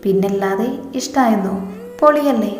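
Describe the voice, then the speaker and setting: A woman's voice: mid-range voice, moderate pace, darkish tone, faint music behind, lightly acted. A woman voicing a young bride who talks in a playful, affectionate way. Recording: echoey room with long reverb.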